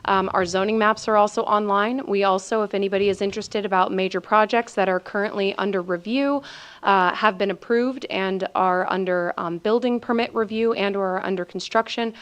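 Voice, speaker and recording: A woman's voice: medium pitch, fairly even intonation, fairly quick, clean tone. A woman on a city's planning staff, informatively explaining procedures at a council meeting with frequent ums. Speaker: city planning staff member.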